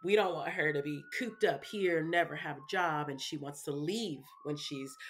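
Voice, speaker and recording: This deep-voiced, bright-toned woman speaks at a moderate pace as a parenting guest in a relaxed interview, with a little hiss or hum in the audio. Her chatty, loose manner is full of small asides, "you know", and "right".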